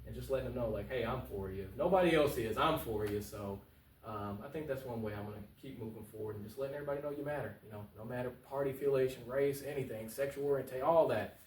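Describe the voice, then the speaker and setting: There's a little hiss or hum, plus heavy room echo from a distant mic, as a local political candidate answers talk-show questions. He talks fast in a darkish, mid-range voice, informal and passionate, repeating phrases for emphasis in a casual, earnest way.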